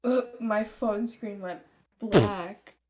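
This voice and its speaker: A woman's voice: mid-range voice, extremely slow, background noise. A tipsy woman co-hosting a casual podcast, laughing as she chats loosely. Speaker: podcast co-host.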